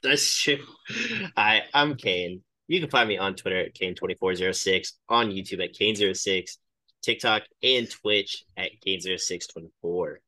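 A man co-hosting a sports podcast, chiming in with quick, teasing banter. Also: low-pitched, bright, forceful tone. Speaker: podcast co-host.

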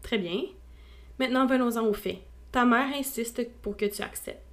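A dry, placid older father from a storybook who speaks with calm indifference, as a woman reader puts him on. His words come out measured and unhurried. It is read aloud as part of a classic novel. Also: on the high side, close to an everyday voice.

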